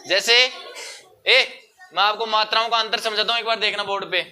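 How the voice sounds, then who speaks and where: A man's voice: high-pitched, steady tone, fairly quick, pushed and bright, a little hiss or hum. A young man teaching schoolchildren in a classroom, explaining patiently and mixing in English words. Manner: explains patiently, addresses pupils as beta, mixes English words. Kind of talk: classroom Hindi lesson.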